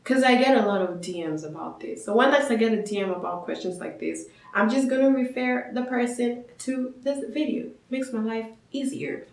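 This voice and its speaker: A woman's voice: a little high, normal speed, vocal fry, few pauses. A young woman from Nigeria, a student vlogger, giving casual, upbeat advice to her viewers. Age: young adult. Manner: chatty, explanatory, upbeat. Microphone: camera mic. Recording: echoey room.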